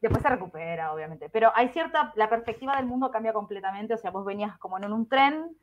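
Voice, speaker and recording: A woman's voice: on the high side, fast talker. Chatty woman host, lo-fi. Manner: chatty, expressive, laughs easily. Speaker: podcast host. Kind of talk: casual conversation.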